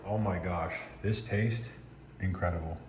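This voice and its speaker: A man's voice: fairly even intonation, a little slow. A man giving a casual, laid-back video diary to his viewers, talking stiffly with a sore jaw that restricts his mouth. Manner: laid-back, addresses viewers as guys with tags like okay and right. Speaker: vlogger. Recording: echoey, noisy self-shot recording with background rumble.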